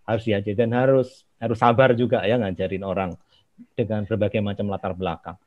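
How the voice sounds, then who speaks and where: Fast-talking man on a dull, dry line. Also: on the low side, fairly even intonation. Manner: brief agreeing, warm interjections. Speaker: government official guest. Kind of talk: conversation.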